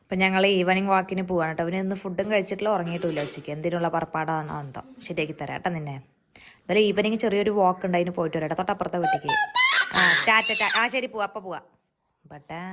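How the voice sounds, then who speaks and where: A mother narrating a casual home vlog, chatting and teasing her baby son in playful baby talk. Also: on the low side. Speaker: mother vlogging her baby's day. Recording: home video with clear background noise.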